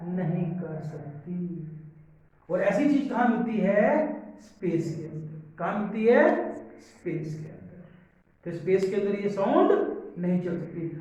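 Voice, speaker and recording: Male teacher, high mellow voice, unhurried, quizzes the class and answers himself; dull, roomy sound from a distant mic. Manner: repeats questions and answers them, mixes English terms. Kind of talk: classroom lecture. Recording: echoey room, far mic, dull sound.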